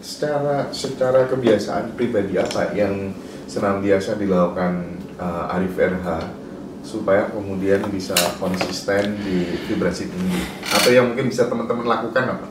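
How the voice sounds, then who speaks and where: A man interviewing in a casual, soft-spoken way, with brief replies. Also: lowish voice, moderate pace. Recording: distant echoey mic with background noise.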